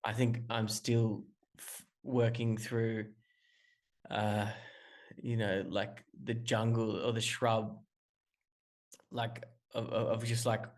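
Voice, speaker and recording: A fairly low-pitched Australian man, a musician joining an interview remotely, takes his time and speaks with a flat delivery. He talks casually, giving long rambling answers crowded with restarts and fillers.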